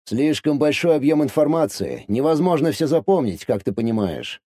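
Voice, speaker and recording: A man reading an audiobook, voicing a calm, secretive man who speaks in a measured, condescending way. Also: on the high side, dry recording, clean studio sound, voice pushed up. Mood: matter-of-fact.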